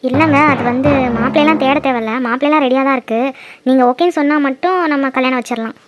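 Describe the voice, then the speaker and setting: Brief: cartoon village wife voiced by a woman, gentle, deferential, quick-talking. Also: high voice, noisy background, lightly acted. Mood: pleading. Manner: gentle, pleading, deferential to husband. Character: middle-aged village wife and mother. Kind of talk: cartoon drama voice acting.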